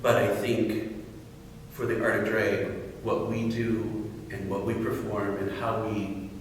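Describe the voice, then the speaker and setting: A man speaking candidly and a bit haltingly as a drag performer on a panel. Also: fairly low pitch, level tone. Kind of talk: panel discussion answers. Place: large reverberant room. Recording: very echoey hall, distant mic, faint noise.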